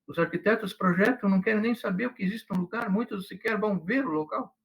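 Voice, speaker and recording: A man's voice: high-pitched, fast talker, a bit bright, rough recording. An older man lecturing students as a professor, chatty, often checking in with "right?" and slipping in Italian phrases. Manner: conversational, asks "né?" and "entendeu?" often.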